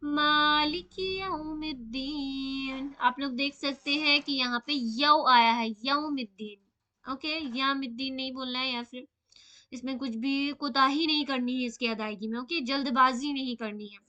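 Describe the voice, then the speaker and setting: A woman teaching Quran recitation rules in a live online class, patiently repeating and slowly drawing out example words. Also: high voice, steady tone, bright, forceful tone, muffled recording.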